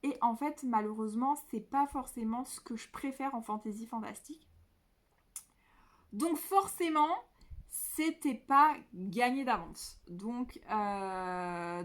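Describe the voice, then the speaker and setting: A young woman chatting casually about books she read, hesitant with many fillers and restarts. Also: on the high side. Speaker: book vlogger. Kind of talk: casual book review. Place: indoors at home by a window.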